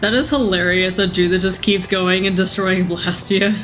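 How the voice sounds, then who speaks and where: A woman streaming her playthrough of a video game, chatting casually and joking at herself, with a voice a little rough from being sick. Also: mid-range voice, flat delivery, normal speed, fairly bright tone, faint music behind. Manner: chatty, self-mocking, laughs often. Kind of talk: casual let's-play commentary.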